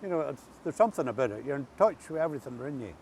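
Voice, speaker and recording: A man's voice: racing, creaky. Older rural Ulster man, noisy outdoor recording. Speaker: interview guest. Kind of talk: casual storytelling chat. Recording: steady background noise, outdoor rumble.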